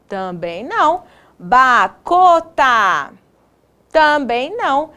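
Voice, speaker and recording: Woman teacher, young adult, high voice, slow and sing-song, for a children's lesson. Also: very animated, a bit bright.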